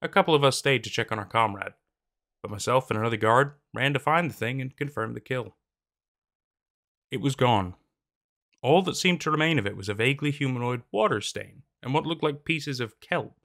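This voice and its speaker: This young man's voice sits in the middle range: expressive, slightly fast, fairly bright, with some vocal fry. After narrating a horror story, he talks casually and hesitantly, rambling with lots of fillers and restarts, from a desk in a small green-screen room.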